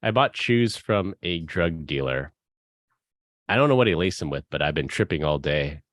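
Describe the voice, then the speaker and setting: A man's voice: rumbling low, animated, moderate pace, fairly bright tone, no echo, clean studio sound. A man co-hosting a podcast, trading jokes in casual banter. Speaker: podcast co-host. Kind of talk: casual joke-telling banter.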